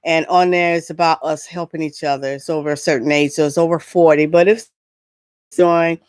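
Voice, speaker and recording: This deep-voiced middle-aged woman keeps a steady, darkish tone at a normal pace in a clean studio recording with no echo. As host of an entertainment news show, she chats loosely through a solo vlog full of announcements and frequent tangents.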